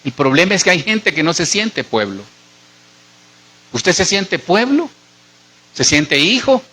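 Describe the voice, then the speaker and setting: A middle-aged pastor with a Colombian Spanish accent preaches a sermon, speaking directly and conversationally to his congregation. His high-pitched voice is sing-song, pushed, and bright, delivered at a measured pace.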